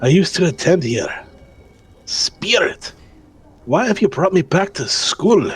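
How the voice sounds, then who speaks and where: A man voicing a grumpy old male miser who mutters gruffly about his youth. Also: high voice, big pitch swings, takes it slowly, voice pushed up, heavily acted. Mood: wistful grumbling.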